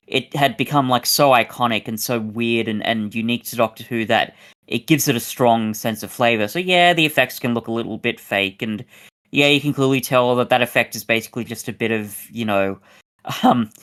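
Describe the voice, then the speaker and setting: A man co-hosting a relaxed review podcast, talking in a loose, rambling way. He often restarts his sentences and his voice leaps up in pitch when he gets excited. His pitch sits at an ordinary middle height. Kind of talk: casual chat.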